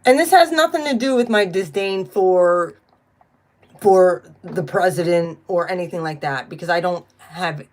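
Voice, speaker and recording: A middle-aged woman doing a casual spiritual card reading, chatty and blunt, who swears freely when she gets riled. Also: fairly low pitch. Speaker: tarot card reader.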